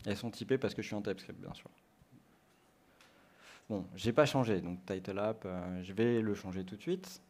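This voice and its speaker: A man's voice: lowish voice, normal speed, long pauses, a little mellow. A man from France giving a conference talk and walking the audience through a live coding demo, thinking aloud step by step. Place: conference stage.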